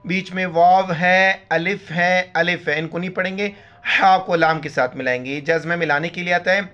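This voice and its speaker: A man teaching Quran reading, with slow drawn-out recitation and quick spoken explanations in between. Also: high voice, smooth. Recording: slightly dull lo-fi audio.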